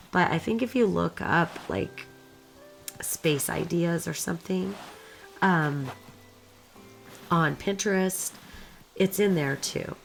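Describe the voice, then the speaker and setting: A woman with a raspy, hoarse smoker's voice, worn from being sick, giving casual, rambling gameplay commentary in an informal way. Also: low-pitched. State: hoarse from a recent illness. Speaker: video creator narrating game footage.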